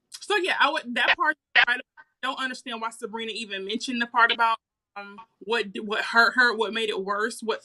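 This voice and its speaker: A woman's voice: a little high, bright, forceful tone. A woman co-hosting a casual podcast, asking questions and pushing back on her partner's views. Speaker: podcast co-host. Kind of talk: casual debate chat.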